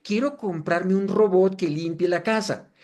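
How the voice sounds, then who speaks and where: A man's voice: high voice, measured pace, a little mellow. A man in his fifties quoting a careless young woman who chats freely about her card details, in his own lecturing voice. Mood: gushing. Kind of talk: quoted example in a lecture.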